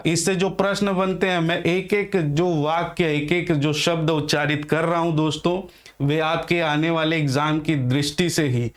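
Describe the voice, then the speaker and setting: Young guy teaching hindi grammar, kinda high voice, keeps asking and answering his own questions. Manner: repeats questions and answers them himself, addresses viewers as friends; sounds out letters slowly for practice. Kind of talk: classroom lecture.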